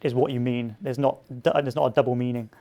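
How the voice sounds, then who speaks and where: A man's voice: medium pitch, fairly even intonation, fast talker, warm tone. A man giving casual, rambling commentary over a strategy game, drifting into chatty tangents with plenty of fillers. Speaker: gameplay commentator. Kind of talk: casual let's-play commentary.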